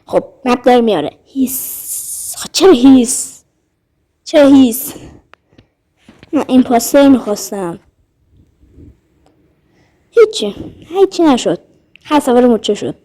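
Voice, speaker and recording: A woman's voice: fairly high pitch, expressive, long pauses, dark tone. A woman giving casual, chatty commentary while playing an online game, thinking aloud and speaking to her viewers. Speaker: gaming vlogger.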